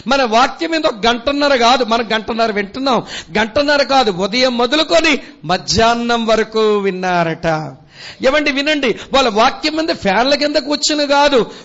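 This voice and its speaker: High-voiced impassioned preacher, muffled recording. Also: male voice, moderate pace, fairly bright tone. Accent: Telugu. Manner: impassioned preaching, reads scripture aloud, asks the audience questions. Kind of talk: sermon. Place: retreat meeting hall.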